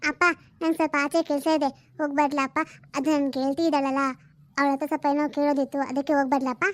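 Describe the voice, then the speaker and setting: A woman's voice: sits high, little pitch movement, fast, dry recording, close to an everyday voice. A woman voicing a vain, defiant married elder daughter in a cartoon family drama. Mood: coaxing. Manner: defiant, sulky.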